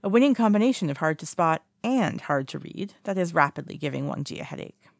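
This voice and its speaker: Gravelly-voiced fiction reader. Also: mid-range voice, lively intonation, brisk, no room sound, clean studio sound. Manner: casual reading with small slips and self-corrections. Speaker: narrator. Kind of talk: fan fiction audiobook reading.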